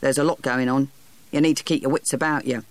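A man voicing Sir Harry, a hearty, coarse-spoken older self-made boss with a blunt, gruff manner. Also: mid-range voice, steady tone, a little fast, dry recording, natural voice. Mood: matter-of-fact.

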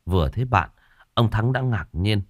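Low-voiced man telling a ghost story. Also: normal speed, no room sound, studio quality. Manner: expressive storytelling.

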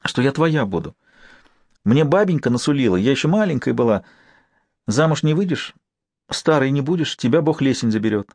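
A male audiobook reader voicing a frightened but eager young forest girl who talks in a quick, breathless patter. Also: medium pitch, expressive, darkish tone, no echo.

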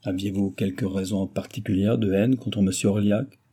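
A man's voice: on the low side, fairly even intonation, normal speed, warm tone, breathy edge. A man voicing a stern judge presiding over a trial, speaking formally. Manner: formal, solemn. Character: stern older male court judge.

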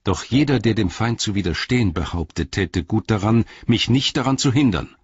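A man doing an earnest young hobbit with a raised, lifted voice, proud and guarded under pressure. The tone is husky, and the storybook recording sounds dull and lo-fi. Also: lowish voice, lively intonation, normal speed, no room sound, voice pushed up. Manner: earnest, defensive.

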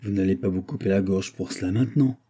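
A man reading an audiobook and voicing a pompous, lecturing brewer's clerk who talks loudly and emphatically. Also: low-pitched, fast talker. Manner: lecturing, self-important, emphatic.

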